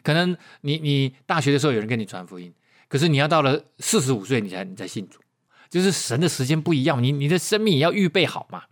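A male preacher with a Taiwanese Mandarin accent tells a story from the pulpit. His delivery is animated and chatty, full of tag particles and quick restarts, and his voice sits at an ordinary middle pitch. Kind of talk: storytelling sermon.

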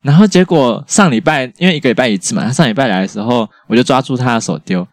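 Lively Taiwanese Mandarin man telling stories. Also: medium pitch, quick pace, no echo, clean studio sound. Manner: animated, mimics patients with raised voice, laughs often. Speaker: podcast co-host, physical therapist. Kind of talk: casual chat, storytelling.

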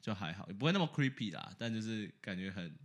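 A man co-hosting a podcast, telling a story in casual chat, animated, laughing often and slipping English words in. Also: fairly low pitch, fast talker. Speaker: podcast co-host.

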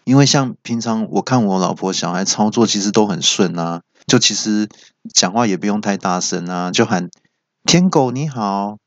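Animated man telling comic stories. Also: on the low side, moderate pace, no echo. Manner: animated, stammering restarts. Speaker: comedy podcast host. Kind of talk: comic storytelling. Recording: dry, dull lo-fi.

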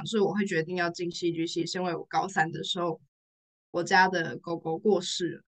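A young woman from Taiwan with a Taiwanese Mandarin accent, telling a personal story in casual chat, repeating herself and laughing through tears. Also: medium pitch. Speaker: podcast guest, rehearsal studio owner.

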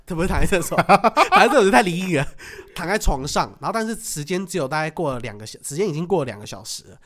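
A man telling a story in casual chat, animated, laughing often and acting out what he said. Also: high voice, quick pace. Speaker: podcast co-host.

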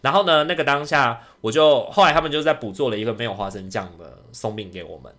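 Fast-talking man telling a story. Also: medium pitch. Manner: animated, indignant retelling with acted-out quotes. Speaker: podcast co-host. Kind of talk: casual storytelling chat.

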